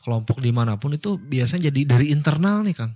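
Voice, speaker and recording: A man's voice: medium pitch, lively intonation, quick pace, darkish tone. A man co-hosting a casual radio talk, asking polite questions. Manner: polite, addresses guest as Kang, asks questions. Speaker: radio co-host. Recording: dull lo-fi online radio sound.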